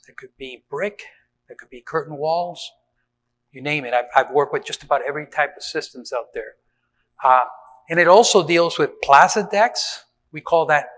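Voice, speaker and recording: A man's voice: fairly high pitch, fairly bright tone. Venezuelan-born man speaking in a reverberant hall. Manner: conversational, with frequent fillers and restarts. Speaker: conference speaker on building maintenance. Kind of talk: conference talk.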